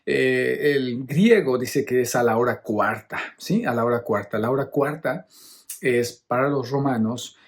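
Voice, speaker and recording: A man's voice: medium pitch, a little slow. A middle-aged man, a priest preaching a homily on a Bible reading. He explains each point patiently and keeps checking in with his listeners. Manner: teacherly, often checks in with the listeners.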